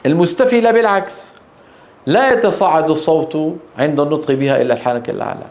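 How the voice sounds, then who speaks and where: A man teaching Quran recitation in a classroom lecture, drawing out letter sounds slowly to demonstrate them and often checking that his students follow. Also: on the high side, darkish tone. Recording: echoey room.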